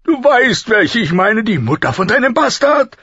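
A man voicing a loud, jovial, bawdy middle-aged king in an audiobook, hearty and laughing. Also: very high-pitched, big pitch swings, normal speed, slightly rough, no echo, muffled recording, pitched above the performer's own voice, heavily acted. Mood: teasing. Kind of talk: audiobook character voice.

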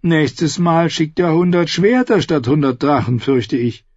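A man's voice: a little high, measured pace, a little mellow, slightly rough, no echo, voice pushed up. A man voicing a falsely courteous, cruel outlaw singer in an audiobook reading. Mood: wry. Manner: courteous and mocking. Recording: dull lo-fi recording.

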